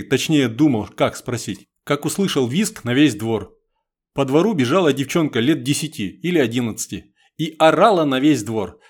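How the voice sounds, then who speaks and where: A man reading a first-person war novel aloud as an audiobook narrator, in a wry, conversational way. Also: a little high. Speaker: audiobook reader.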